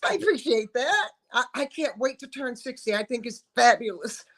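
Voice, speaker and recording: A woman's voice: a little high, expressive, normal speed, fairly bright tone. A woman about to turn sixty, hosting an interview and gushing with effusive praise for her guest. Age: 50s. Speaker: interviewer host. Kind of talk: casual interview.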